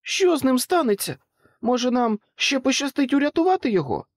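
A man's voice: very animated, fairly quick, no echo, studio quality. A man voicing a frightened young boy who cries out in distress. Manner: high, strained cries.

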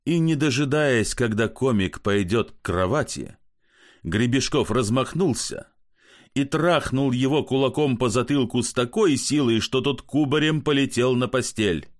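A man narrating a story in an expressive audiobook reading. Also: medium pitch, measured pace.

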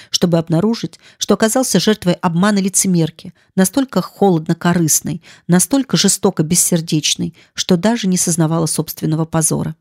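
A woman reads a classic novel in a calm, even storytelling voice. Her pitch sits a little low. The recording is dry and close. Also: no echo. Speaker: audiobook narrator. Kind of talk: scripted narration of a classic novel.

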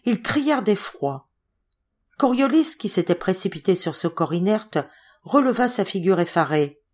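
A woman narrating a novel in a measured, dramatic reading. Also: fairly low pitch, lively intonation. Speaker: audiobook narrator. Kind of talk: scripted literary narration.

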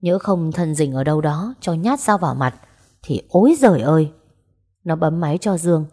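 A woman narrating a romance story aloud and voicing its characters in a gentle, even way. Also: deep voice, brisk. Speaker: audiobook narrator. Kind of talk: storytelling narration with dialogue voices.

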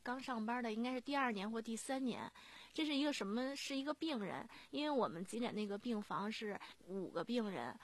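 Quick-talking woman nurse, higher voice. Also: lively intonation. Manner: plain, earnest, with many fillers and restarts. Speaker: emergency nurse. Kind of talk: personal storytelling in a radio interview.

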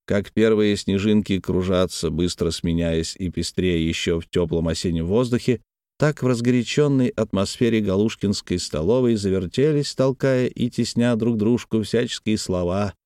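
Мужской голос, литературное чтение, размеренно, близкий микрофон. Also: male voice, fairly low pitch, smooth, dry recording, studio quality. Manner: expressive, measured reading. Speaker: audiobook narrator. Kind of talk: scripted literary narration.

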